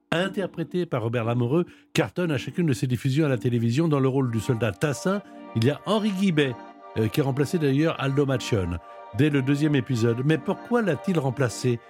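A man with a mid-range voice hosts a radio programme, reading out quiz questions and talking with his guest. His delivery is brisk and lively, with faint music underneath. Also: mid-range voice. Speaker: radio host running a quiz. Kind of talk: radio quiz and interview hosting.

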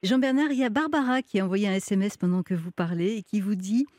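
A woman's voice: medium pitch, fast, a little mellow, dry recording, studio quality. A woman hosting a radio call-in, encouraging her caller and stammering on restarts. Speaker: radio host.

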